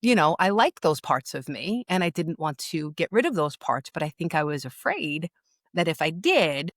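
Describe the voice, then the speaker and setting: A middle-aged New Yorker with a New York accent speaks in a low, sing-song voice at a normal pace, recorded cleanly in a studio with no echo. She's a loss and empowerment coach appearing as a podcast guest, telling her own story candidly and emphatically and repeating words for stress.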